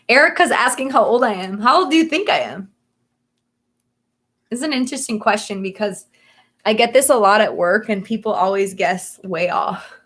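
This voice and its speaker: A woman's voice: mid-range voice, moderate pace, pauses often, fairly bright tone. Chatty woman in her thirties rambling. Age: 30s. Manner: chatty and rambling, laughs often. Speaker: livestream host. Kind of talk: casual livestream chat.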